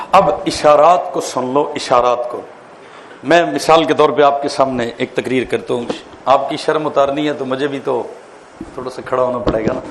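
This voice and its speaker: A man, a mufti, giving an animated classroom lecture on public speaking, quizzing his listeners and telling jokes. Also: mid-range voice, slight background noise. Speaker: mufti teaching a course. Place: lecture hall.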